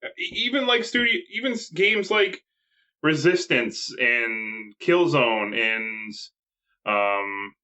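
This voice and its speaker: A man co-hosting a casual gaming podcast, chiming in with quick agreement and lively remarks. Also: medium pitch. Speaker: podcast co-host.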